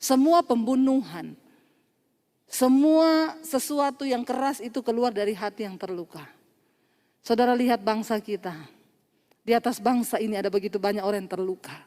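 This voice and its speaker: High-voiced woman pastor, echoing hall. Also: moderate pace, long pauses. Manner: animated, acts out dialogue, laughs at own jokes. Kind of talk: storytelling sermon. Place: church.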